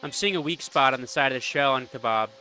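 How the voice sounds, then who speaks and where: A man with a bright, clear tone co-hosting live event commentary. He speaks in a dry, mock-polite way, adding wry remarks between the action. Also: mid-range voice, quick pace, a little hiss or hum.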